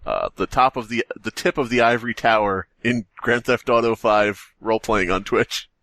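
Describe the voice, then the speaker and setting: This male co-host has a lowish, slightly bright voice and keeps a moderate pace on a dry recording with no room sound. He rambles through sardonic stories and jokes in a loose, comedic podcast conversation.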